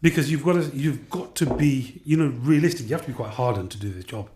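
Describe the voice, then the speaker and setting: Fast-talking practical man. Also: medium pitch. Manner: practical, steady explaining. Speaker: aid worker guest. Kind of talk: interview reflection.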